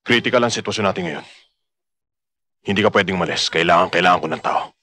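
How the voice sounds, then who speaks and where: An actor playing a strict, unfeeling army lieutenant who gives hard orders, in a film with music underneath. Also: male voice, low voice, quick pace, bright, forceful tone. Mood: stern. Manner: harsh commanding. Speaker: military officer. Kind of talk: film acting.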